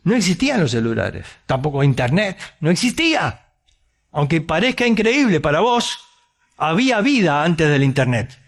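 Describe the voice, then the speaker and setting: A man with an Argentine accent preaching a sermon, telling a story with animated, conversational asides and rhetorical questions. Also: fairly high pitch, moderate pace. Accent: Argentine Spanish.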